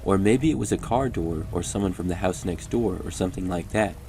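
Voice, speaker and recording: A man reading first-person horror stories as a steady, measured scripted narration. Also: low voice, a little hiss or hum.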